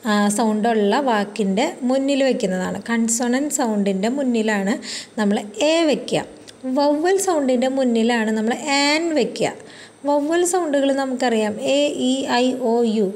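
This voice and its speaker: This is a woman leading a grammar class for exam students. Her voice sits a little high, and she moves patiently through each point, piling up examples and checking in often with tag questions. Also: a little mellow. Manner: patient, explains step by step with many examples; frequent fillers and tag questions. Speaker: exam coaching teacher. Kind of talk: English grammar lesson explained in Malayalam.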